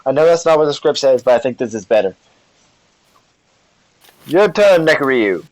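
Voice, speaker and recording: A man's voice: mid-range voice, animated, moderate pace, a little mellow, dry recording. A man casually narrating a fan-fiction story over a voice call, rambling with fillers and asides. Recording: dry, dull lo-fi call audio.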